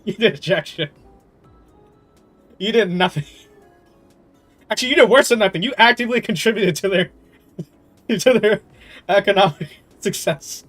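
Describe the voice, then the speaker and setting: A man with a high, bright-ish voice chats casually over gameplay as a livestreamer, animated but unhurried, with frequent pauses. He rambles and offers strong opinions in slangy, amused, incredulous talk with some swearing, and soft music plays in the background.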